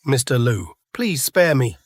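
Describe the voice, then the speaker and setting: Ejecutivo traidor que suplica. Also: male voice, mid-range voice, big pitch swings, measured pace. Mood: pleading. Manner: nervous and pleading. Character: traitorous executive pleading for mercy. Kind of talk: dubbed drama acting.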